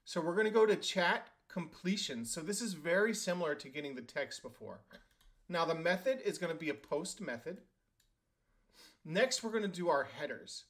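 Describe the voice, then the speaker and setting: A man walks through a software setup on screen, speaking casually as he goes. His voice sits a bit high for a man. He thinks out loud, with fillers and quick restarts. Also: lively intonation. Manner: casual, thinks aloud with fillers and self-corrections. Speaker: tech tutorial host. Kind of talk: screen-recorded software tutorial.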